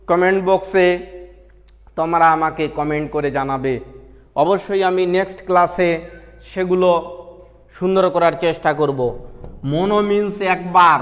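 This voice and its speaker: A man's voice: high-pitched, long reverb tail. A Bangladeshi man teaching an English lesson, asking questions and answering them himself, spelling words out letter by letter. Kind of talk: recorded online lesson.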